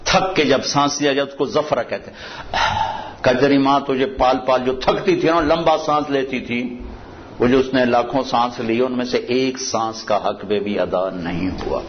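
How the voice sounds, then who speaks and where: Preacher with a lilt. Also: male voice, fairly even intonation. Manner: storytelling, recites Arabic verses in a low measured voice. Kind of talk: sermon. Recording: dull lo-fi with faint noise.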